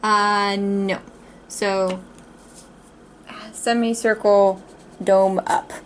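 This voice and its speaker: Slow-paced woman in a pictionary guessing game. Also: medium pitch, little pitch movement, slight background noise. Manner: halting, pauses to search for words. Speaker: player in a drawing guessing game. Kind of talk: casual pictionary guessing game chat, giving drawing instructions.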